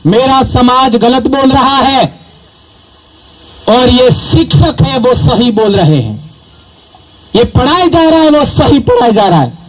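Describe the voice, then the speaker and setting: In a rough recording, a high-voiced community speaker delivers a rousing address from the stage at a public gathering, emphatically quizzing the crowd with rhetorical questions. He hails from southern Rajasthan, India, and speaks Bhili as his first language.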